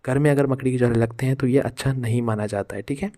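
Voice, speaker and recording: A man with an ordinary mid-range voice talks straight to his viewers in a relaxed vlog. He gives household advice, going back over the same points again and again and calling his listeners friends. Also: medium pitch, fast talker. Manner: repetitive, addresses listeners as friends. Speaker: vlogger giving household remedies. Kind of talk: casual advice talk to viewers.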